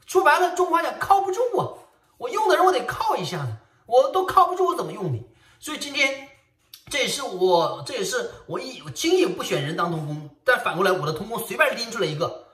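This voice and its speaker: A pastor from Northeast China preaches, his pitch swooping up and down as he presses each point. His bright, forceful voice keeps stalling into stammered restarts. He is heard from a little distance in an echoey hall. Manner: animated and emphatic, with frequent stammered restarts. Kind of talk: sermon. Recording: echoey room, voice set back from the mic.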